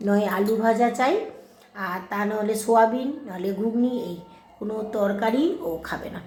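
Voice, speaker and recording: A middle-aged woman, hoarse from a cold, chatting homely to her viewers as friends in a casual kitchen vlog. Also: fairly high pitch, moderate pace, a little mellow, roomy sound. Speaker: vlogger. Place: home kitchen.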